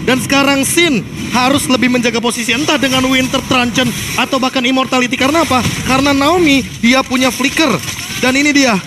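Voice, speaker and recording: A man's voice: very high voice, fairly even intonation, brisk. An Indonesian man giving analytical esports commentary, explaining plays emphatically and repeating his key points. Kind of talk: analytical live game commentary. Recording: clear noise behind the voice.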